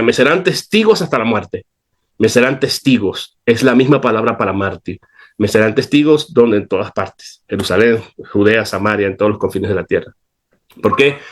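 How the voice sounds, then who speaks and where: A man giving a conversational Bible teaching, earnest and emphatic in a preacherly way. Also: medium pitch.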